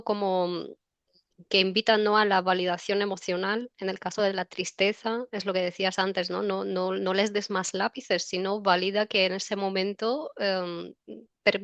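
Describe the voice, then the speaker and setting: A woman hosting an interview podcast, speaking thoughtfully with hesitant pauses. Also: medium pitch, fairly bright tone, no room sound. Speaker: podcast host. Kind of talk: conversational interview.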